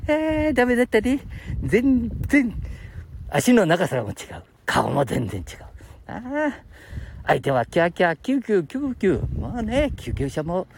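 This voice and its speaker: A man's voice: sits high, huge pitch swings, moderate pace, a little hiss or hum. A man in his late seventies from Aichi, chatting and reminiscing with chuckles on a live stream in Aichi dialect. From Aichi, Japan. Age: 70s. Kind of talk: casual live-stream chat.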